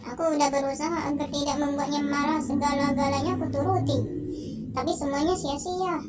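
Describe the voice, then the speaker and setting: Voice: sits high, lightly acted. A young gamer playing a pleading frightened wife. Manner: pleading, distressed. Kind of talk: game dialogue read aloud.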